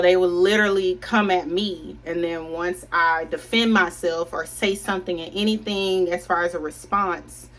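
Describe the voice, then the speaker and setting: A woman's voice: on the low side, fairly bright tone. A young woman chatting casually to viewers while doing her makeup, rambling and confiding. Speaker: beauty vlogger.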